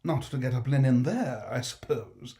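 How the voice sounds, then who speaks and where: A man with a warm, natural, mid-range voice speaks at a moderate pace as a smug, pompous alderman and condescending magistrate. He lectures the poor in a patronizing, jovial way, chuckling as he goes.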